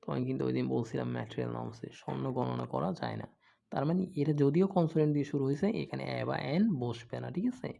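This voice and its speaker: A man teaches a grammar lesson in a gravelly, mellow voice. He repeats examples and keeps checking that his students follow along. The recording sounds dull and lo-fi. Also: mid-range voice, fairly even intonation, rapid-fire. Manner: patient, repeats examples, frequent "okay?" checks. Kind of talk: explaining lesson, asking and answering own questions.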